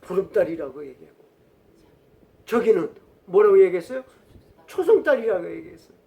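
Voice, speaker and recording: Animated Korean pastor preaching. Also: male voice, sits high, moderate pace, creaky. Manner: storytelling, asks the congregation questions. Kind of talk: sermon.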